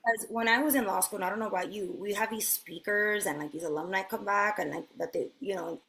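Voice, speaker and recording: A woman's voice: mid-range voice, quick pace, fairly bright tone. A woman lawyer speaking as a podcast guest, talking frankly and conversationally with fillers. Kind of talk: casual interview chat.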